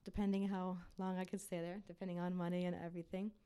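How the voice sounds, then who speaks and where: Speaking fast in a low, mellow, clean voice with flat delivery, a missionary woman from Uzbekistan addresses a church group. She's earnest yet chatty, leaning heavily on fillers like "you know."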